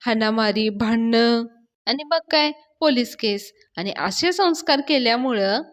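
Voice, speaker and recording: A woman plays a mocking young man who keeps pressing his point and ribbing his brother. He sounds high and quick to argue, told as part of a spoken story recap. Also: expressive. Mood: needling. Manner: mocking, argumentative.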